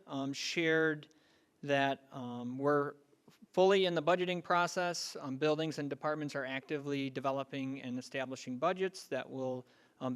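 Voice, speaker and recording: A man giving a finance and audit committee report at a school board meeting, pausing often with ums. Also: medium pitch. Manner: hesitant, frequent ums.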